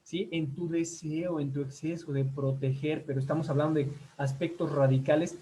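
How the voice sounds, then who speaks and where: Mellow Mexican man giving a talk. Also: fairly high pitch, fairly even intonation, moderate pace, a little hiss or hum, poor audio. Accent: Mexican Spanish. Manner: conversational, checks in with the listeners often, many fillers. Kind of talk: talk presented with slides.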